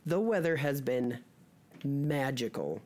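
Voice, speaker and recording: A woman's voice: extremely low pitch, sing-song, slow pace, darkish tone. A woman co-hosting a podcast with casual, rambling, playful chat. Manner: playful, jokey, scattered. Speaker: podcast co-host.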